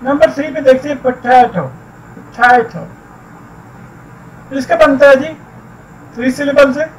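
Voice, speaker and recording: A man teaching an English textbook lesson, explaining slowly and repeating words. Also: very high-pitched, fairly even intonation. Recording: distant mic with faint background noise.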